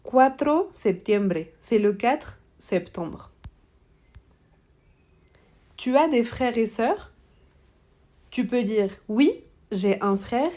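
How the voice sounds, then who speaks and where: A woman teaching a French exam-prep lesson, speaking slowly and deliberately and repeating model answers for students. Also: on the high side, animated, dark tone.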